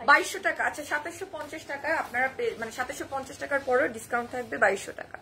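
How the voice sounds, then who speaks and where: A young woman with a Bangladeshi Bengali accent and a hoarse voice, chatting on a live-stream sales pitch and reading viewer comments aloud and answering them. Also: rapid-fire, sharp tone, slight background noise. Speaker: online boutique live seller.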